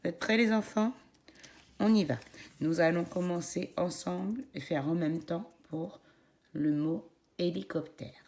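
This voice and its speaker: Young children get a phonics lesson from a woman teacher with a French accent, who spells out each syllable slowly and encouragingly. Her pitch is fairly low, with a darkish tone.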